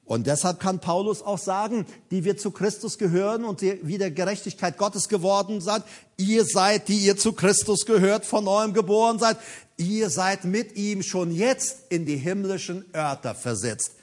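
A man's voice: sits high, normal speed. A man preaching a sermon, emphatic and repeating key phrases for effect.

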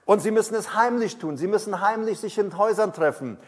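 A man preaching a sermon, emphatic and repeating key phrases, slowing down when he reads scripture aloud. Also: high-pitched, long reverb tail. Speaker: pastor.

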